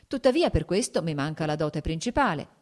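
A woman's voice: sits low, very animated, fairly quick, darkish tone. A woman reading the lines of a reserved young male cavalry officer in an audiobook, in a raised, earnest voice.

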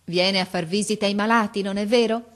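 A woman voicing a gentle, sick mother lying in bed, speaking softly and kindly in an audiobook reading. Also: medium pitch, fairly even intonation, fairly quick, voice pushed up, close to an everyday voice. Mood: tender.

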